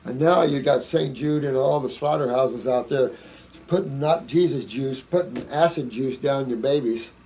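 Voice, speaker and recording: A man's voice: medium pitch, moderate pace, darkish tone, slight background noise. A man hosting a question-and-answer show, giving folksy, rambling, preachy advice as he reads out and answers viewer questions. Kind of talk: casual monologue answering read-out questions.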